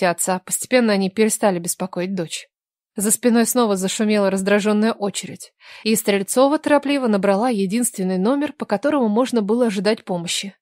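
A woman narrates a romance audiobook in a measured, even storytelling style. Her voice is mid-range, and the clean studio recording has no room sound.

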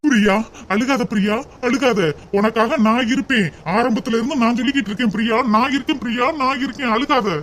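A man voicing a soft-hearted rich young man in a cartoon, tender and reassuring. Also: extremely high pitch, fairly even intonation, a little fast, slight background noise. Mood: soothing.

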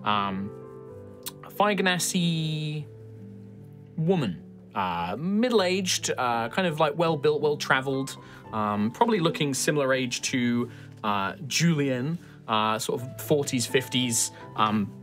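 Guy game master, halting improvised narration, lively pitch, bit of music under it. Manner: halting, pausing mid-phrase to think. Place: indoor studio set, group at table.

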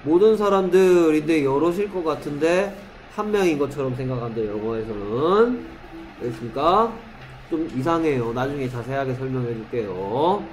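A man teaching an English lesson in a classroom, checking often whether students follow and reading example sentences out slowly. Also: on the high side, expressive, slight background noise, rough recording. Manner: keeps checking understanding with short questions.

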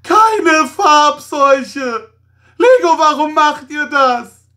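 A man's voice: extremely high pitch, very slow, sharp tone, pitched above the performer's own voice, heavily acted. A man playing a melodramatic, outraged toy reviewer who rants in a wailing, theatrical way as satire. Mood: whiny outrage. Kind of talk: satirical rant.

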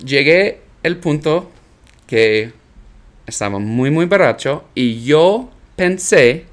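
A man whose first language is English tells a story in casual talk, pausing to search for words and slipping in English ones. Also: fairly high pitch, animated. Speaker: Spanish learner telling a story.

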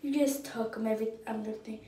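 A woman's voice: a little high, steady tone, fast talker, warm tone, echoey room, distant mic. A young woman, chatting playfully and rambling while doing her hair for her vlog. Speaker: vlogger.

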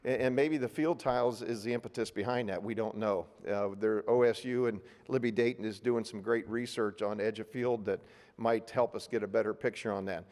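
A man's voice: on the low side, steady tone, brisk, a little mellow. A middle-aged man from Ohio moderating a panel at a podium, plain-spoken with many fillers and restarts. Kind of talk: public panel remarks. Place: large hotel ballroom meeting. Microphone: podium microphone. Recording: long reverb of a big hall.

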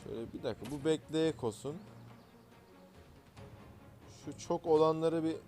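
A man's voice: on the high side, moderate pace, warm tone, soft background music. A man hosting casual gameplay commentary, talking in an exasperated, grumbling and slangy way while he plays. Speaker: gaming channel host.

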